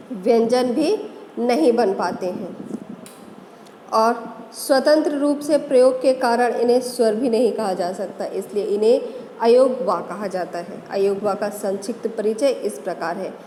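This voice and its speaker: A woman teaches a grammar lesson at an unhurried pace, spelling out each letter and sound one at a time. Her voice sits on the higher side. The recording is roomy, with a long reverb tail and faint ambient noise behind her. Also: warm tone. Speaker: Hindi teacher.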